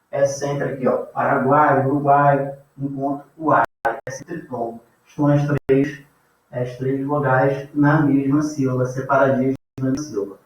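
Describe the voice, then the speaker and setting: A Brazilian male teacher with a mid-range voice and Brazilian Portuguese accent gives an informal classroom lecture, casually checking in with frequent "tá?" and "beleza?". The recording is dull and distant, from an echoey room.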